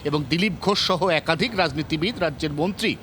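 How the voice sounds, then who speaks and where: A fast-talking male field reporter with a West Bengal Bengali accent explains events live, point by point and with emphasis. His voice is high and forceful. Faint outdoor traffic sounds sit in the background.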